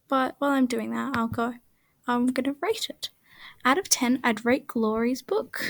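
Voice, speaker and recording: A woman's voice: fairly high pitch, slight background noise. A woman chatting casually in a voice-over while she draws, rambling and often dropping to a half-whisper. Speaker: art channel creator.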